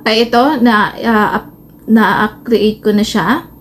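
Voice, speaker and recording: A Filipino woman, a vlogger hosting a tutorial, explains a phone process step by step in a casual, somewhat hesitant way. Her mid-range voice is steady in tone and slow. The amateur phone recording is noisy.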